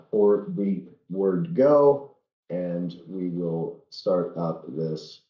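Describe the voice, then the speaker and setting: This deep-voiced man hosts a racing livestream, offering casual commentary in a folksy, earnest way while nursing a head cold, sometimes halting. The recording is reverberant and muffled.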